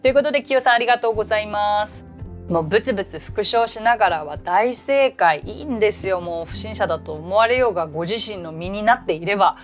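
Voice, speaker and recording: She's an English teacher running an informal podcast lesson, animated and conversational, with rapid side comments. Medium-pitched, she is accompanied by soft background music.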